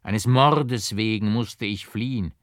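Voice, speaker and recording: A man's voice: on the low side, slow, no room sound, studio quality. A man voicing a foolish, flamboyant barber who talks in flowery, mock-dramatic phrases in an audiobook. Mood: lamenting. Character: foolish, flamboyant male barber, theatrical and whimsical. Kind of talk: audiobook character voice.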